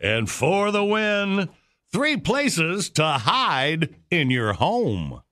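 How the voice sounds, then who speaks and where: A man's voice: a little high, huge pitch swings, very slow, pushed and bright, a little hiss or hum. A man hosting a morning radio show with upbeat banter, talking to callers in a folksy, familiar way.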